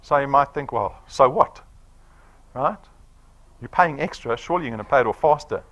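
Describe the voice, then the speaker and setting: With a medium-pitched voice and moderate pace, a man in his forties presents a persuasive sales pitch to a live audience. His delivery is animated, and he regularly quizzes the room with "right?"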